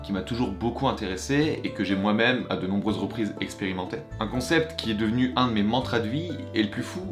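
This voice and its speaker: A young man, talking to his viewers in a chatty, energetic vlog from Japan, with playful asides. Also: on the low side. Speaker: YouTuber. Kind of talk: casual vlog monologue with a sponsor read.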